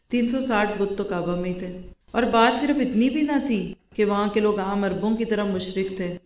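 A woman's voice: medium pitch, a little mellow. A woman teaching a Quran lesson to a class of women, asking her listeners question after question. Her voice sits in the middle of the range. The recording is muffled and lo-fi, with a noticeable room echo. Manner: asks the class rhetorical questions. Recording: roomy, dull lo-fi recording.

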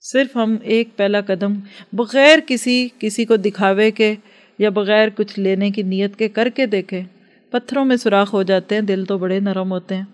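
A woman's voice: medium pitch, steady tone, moderate pace. A woman giving an earnest religious lecture to a class, advising and acting out everyday dialogues. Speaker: religious teacher.

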